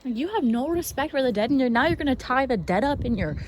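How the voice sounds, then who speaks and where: Excitable swearing woman vlogging outdoors. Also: sits high, fast talker, a little hiss or hum. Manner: excitable, swears freely, drops into whispers. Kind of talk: casual walking vlog. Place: outdoor cemetery, walking.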